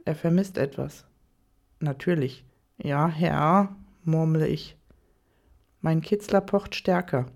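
A woman narrates an erotic audio story in the first person. Her delivery is very slow and soft, and her tone is mellow and dark. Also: sits low.

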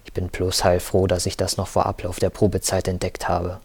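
A man's voice: deep voice, completely flat delivery, a little fast, darkish tone, dry recording. Man doing a choleric fifty-something bank boss. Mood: contemptuous. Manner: bellowing and hoarse hissing. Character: choleric, sweaty male bank manager in his fifties. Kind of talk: audiobook character voice.

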